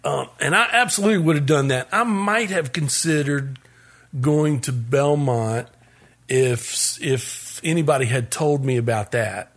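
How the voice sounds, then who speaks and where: A man in his fifties, a guest musician, telling stories in a relaxed interview with frequent laughs and restarts. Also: medium pitch, a little slow. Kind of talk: casual interview storytelling.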